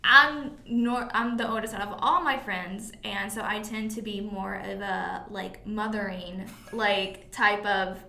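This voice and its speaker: A woman's voice: medium pitch, steady tone, a little slow, creaky, few pauses, sharp tone. A woman in her twenties, a podcast guest, talking in an earnest, caring way with many "like" fillers. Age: 20s. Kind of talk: casual chat. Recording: roomy echo.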